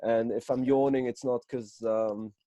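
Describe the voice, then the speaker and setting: Man on a video call, dark mellow voice. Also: medium pitch, fairly even intonation, a little slow, no echo. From Israel. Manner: rambling, with many fillers and restarts. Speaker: counselor and psychotherapist. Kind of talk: casual self-introduction on a video call. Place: home, early morning.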